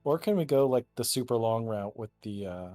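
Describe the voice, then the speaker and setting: A man's voice: medium pitch, expressive, brisk, dark tone, no echo. A man playing a tabletop game, chatting casually and eagerly about plans. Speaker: player.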